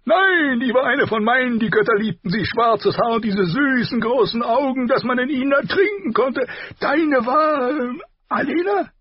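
A man voicing a boisterous, bawdy middle-aged king who talks loudly and heartily. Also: extremely high pitch, moderate pace, slightly rough, dry recording, muffled recording, voice pushed up. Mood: teasing. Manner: loud, hearty, laughing, boastful.

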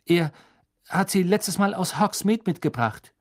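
A man's voice: high-pitched, animated, unhurried, a little mellow, voice pushed up. A man voicing a frightened teenage schoolboy who answers tensely and defensively. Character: frightened teenage schoolboy trying to stay calm.

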